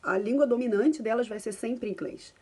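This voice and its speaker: A Carioca woman in her thirties talks to camera from home in a friendly, reassuring vlog voice. Her pitch sits a little high, and she keeps checking in with the viewer through small tag questions. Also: moderate pace, a little mellow, breathy edge. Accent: Carioca Brazilian Portuguese. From Brazil. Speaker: parenting and language vlogger. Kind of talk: casual advice talk to camera.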